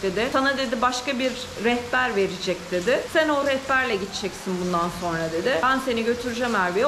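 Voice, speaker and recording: A young woman vlogger tells a frightening story straight to camera, shaken and quick, voicing each person she quotes. Her voice sits high, and a steady hiss of noise runs under the recording. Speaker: travel vlogger. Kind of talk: recounting a frightening experience to camera. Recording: noisy hidden camera recording.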